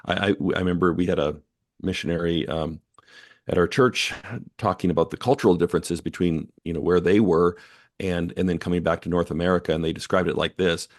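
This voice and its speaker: This is a man with a deep, low voice, talking as a podcast guest. He sounds earnest and reflective and often fills his pauses with "um" and "you know." The recording is dry and close, with no room sound. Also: little pitch movement, no echo. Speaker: guest author and editor. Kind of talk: conversational podcast interview.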